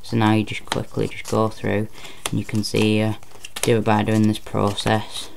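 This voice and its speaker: A man's voice: on the low side, monotone, normal speed, creaky, background noise. A man giving informal card magician patter, explaining step by step and repeating phrases as he goes. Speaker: card trick presenter.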